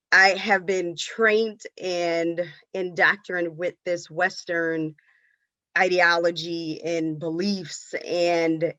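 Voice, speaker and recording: A woman's voice: on the low side, bright, forceful tone, no room sound, dull audio. A woman clinician speaking on a video-call panel, candid and openly emotional. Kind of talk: panel discussion.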